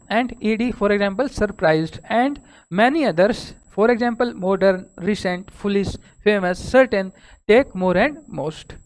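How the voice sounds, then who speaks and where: With an Indian accent, a teacher explains a grammar lesson step by step, asking herself questions and answering them. She reads the English rules slowly from a text in a smooth, medium-pitched voice.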